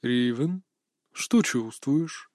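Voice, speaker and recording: A man's voice: mid-range voice, animated, very slow, darkish tone, no echo, studio quality. A man voicing a burly bearded older hunter who taunts and lectures in a sly, mocking way, read as an audiobook character. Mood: taunting. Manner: taunting, philosophizing.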